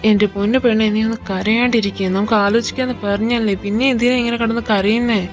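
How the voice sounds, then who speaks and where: A protective older brother with a Malayali accent, played by a woman, barks warnings at his little sister in a fan audio drama. He talks fast in a somewhat high, gruff voice, while faint music plays behind. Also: steady tone, lightly acted. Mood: soothing. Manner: gruff scolding, threatening, mock teasing. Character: protective, short-tempered young adult older brother.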